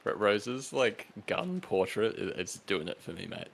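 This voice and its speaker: Male stream co-host, casual chat, creaky voice, faint background noise. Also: lowish voice, sing-song, unhurried, fairly bright tone.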